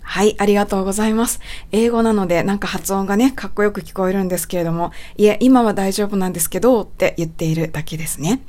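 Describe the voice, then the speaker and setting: A woman in a spoken lesson on English pronunciation, with a voice of middling pitch for a woman. She explains politely and patiently. She says the English example phrases slowly and carefully. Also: darkish tone.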